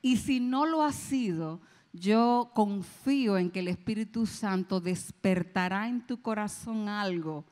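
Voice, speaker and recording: A woman preaching a sermon, telling a story with quoted voices and slowing down and dropping low on key phrases. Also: a little mellow, big-room sound.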